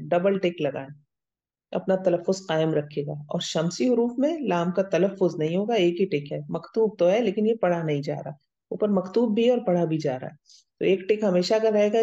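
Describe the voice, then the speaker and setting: A woman with a low, dark-toned voice teaches Arabic grammar in a recorded lecture, going step by step and often checking that students follow with "theek hai?" The audio is dull and lo-fi.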